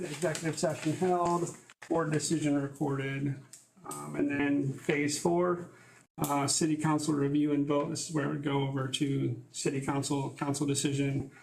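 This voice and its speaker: A man's voice: a little high, creaky, a little hiss or hum, low-quality recording. A man presenting a process document at a public board meeting, reading out checklist items in a casual way. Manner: runs through a checklist in a casual, flat tone. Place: meeting room.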